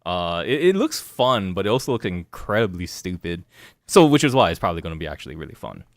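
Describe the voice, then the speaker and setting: A young man talks games with friends, his pitch jumping up and down as he rants. He swears freely and laughs a lot. The sound is close and dry, with no room around him. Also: fast, no room sound. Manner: animated, swearing, laughing often. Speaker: podcast co-host. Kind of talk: casual gaming chat.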